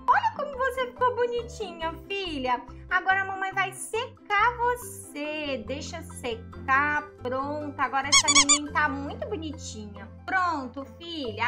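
A woman voicing a young mother in a storybook role-play, cooing sing-song baby talk at her infant. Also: high-pitched. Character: young mother, proud then tender, doting.

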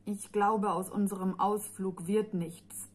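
A woman voicing a moody, proud young girl who grumbles and talks down to others, in a slow, breathy reading. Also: mid-range voice, fairly even intonation. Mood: sulky. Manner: grumbling, condescending.

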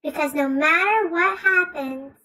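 A woman teacher reading a picture book aloud to children, gently stopping to ask questions and explain words. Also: very high voice, a little slow, low-quality recording. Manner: gentle, asks the listener questions and explains as she reads.

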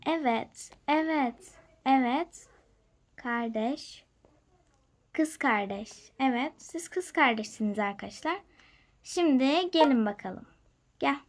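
A young woman hosting a gaming channel, chatting to her viewers as she plays, moving from hushed whispers to loud, excited calls. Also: high-pitched, slow pace, pauses often. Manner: lively, talks to viewers, jumps between loud excitement and quiet whispers. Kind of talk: chatty gameplay commentary.

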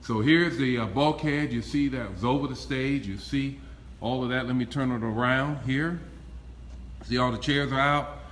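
A man's voice: medium pitch, normal speed, a bit bright, a little hiss or hum. A middle-aged man giving a casual, upbeat walkthrough of a church construction site, talking with many fillers while filming on a phone. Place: indoor and outdoor building site. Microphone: phone camera held while walking.

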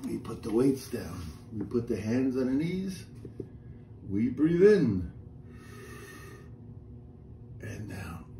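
Calm, step-by-step chair exercise instructions and breath counts come from a middle-aged fitness instructor with a medium-pitched voice who takes his time. The camera sits a few feet off in a small indoor room with a painted wall; the sound is echoey with a faint room hum.

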